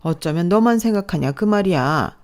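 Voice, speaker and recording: A belittling, snobbish middle-aged mother-in-law, read by a woman in a scripted story narration. Her voice sits low and sounds mellow and relaxed even as she scolds. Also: moderate pace, natural voice. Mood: scolding.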